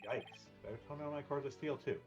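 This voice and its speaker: A man's voice: mid-range voice, fast. A man casually chatting and joking while playing a game with a friend. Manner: animated, joking, reads lines aloud. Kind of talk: casual co-op gaming chat. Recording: dull lo-fi with faint game music.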